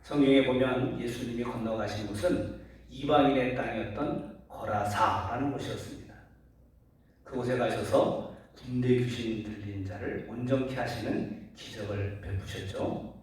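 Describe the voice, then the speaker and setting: In a church sanctuary, a pastor delivers a Sunday sermon, earnestly addressing his congregation and posing rhetorical questions. His mid-range voice is steady at a moderate pace, but it sounds distant in a very echoey hall.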